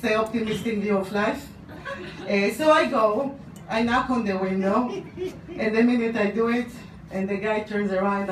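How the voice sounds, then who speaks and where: Israeli-accented woman telling a story live. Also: medium pitch. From Poland. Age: middle-aged. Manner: animated, gesturing, with audience laughter. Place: small dark room, on stage. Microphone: handheld mic on stand, far camera. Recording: roomy, from far off, noisy.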